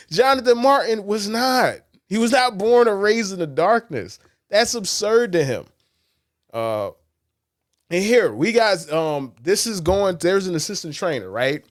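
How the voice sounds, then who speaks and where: A man's voice: high-pitched, lively intonation, a little slow, no room sound, clean studio sound. A man co-hosting a sports podcast in casual talk, blunt and profane, telling stories animatedly and quoting others. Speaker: podcast co-host.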